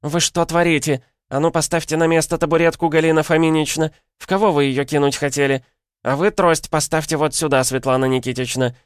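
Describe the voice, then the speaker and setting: A man voicing a sharp-tongued young nurse who orders people about and speaks sarcastically. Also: fairly even intonation, a little fast, hardly any pauses, no room sound, studio quality, close to an everyday voice. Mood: shrieking. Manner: shrill, commanding, sarcastic.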